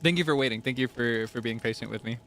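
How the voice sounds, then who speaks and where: A man's voice: mid-range voice, fast talker, fairly bright tone. A man livestreaming a game, chatting casually and playfully with his viewers. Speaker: livestreamer, VTuber. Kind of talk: casual gaming livestream chat. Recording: music behind the voice. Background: game music.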